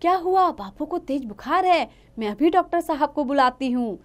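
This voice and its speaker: A woman's voice: high-pitched, animated, normal speed, voice pushed up. A woman voicing an eager twelve-year-old village girl who pleads insistently. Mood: pleading.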